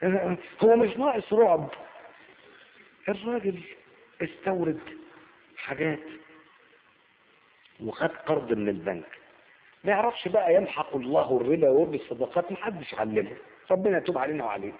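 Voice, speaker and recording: A man's voice: a little high, big pitch swings, a little fast, pauses often. A man with an Egyptian accent explaining a story casually, asking and answering his own questions. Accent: Egyptian Arabic. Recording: tinny phone-like lo-fi with faint hiss.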